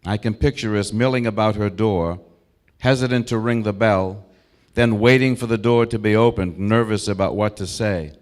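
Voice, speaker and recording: An American man in his sixties delivering a prepared eulogy, telling memories in a measured, reflective way with short, deliberate phrases. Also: on the low side. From Brookline, Massachusetts, United States. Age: 60s. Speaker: eulogist, old school friend of the deceased.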